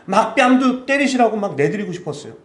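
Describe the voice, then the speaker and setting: A man's voice: high voice, very animated, fast. Impassioned male missionary preaching in an echoey church. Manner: impassioned, swings between loud appeals and hushed storytelling. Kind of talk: emotional sermon. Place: church sanctuary. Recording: echoey church hall with faint ambient noise.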